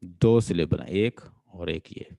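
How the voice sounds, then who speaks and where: A Pakistani man gives a classroom lecture in a low, mellow voice. He speaks at a very unhurried pace and keeps asking his students questions. The sound is dry, with no room echo. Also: gravelly. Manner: drills students with repeated questions. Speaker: linguistics teacher. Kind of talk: classroom lecture mixing Urdu and English.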